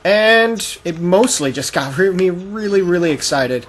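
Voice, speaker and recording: This gaming podcast host has a high-pitched, fairly bright voice, expressive but unhurried. Over the sound of a video game being played, he rambles through casual explanations and occasionally performs made-up quotes, all in a noisy amateur recording.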